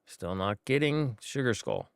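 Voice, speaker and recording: A US gaming streamer speaks a little slowly in a gravelly, resonant mid-range voice, swinging hugely in pitch as he rambles through casual, filler-heavy gameplay commentary. The audio is clear, with no room sound.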